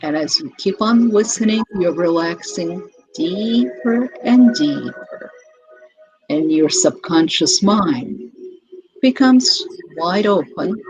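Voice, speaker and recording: A woman speaking as a hypnotist, guiding relaxation in a slow, soothing delivery with long pauses and drawn-out repeated words. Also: on the low side, a little mellow, rough recording. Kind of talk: guided hypnosis relaxation script. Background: music.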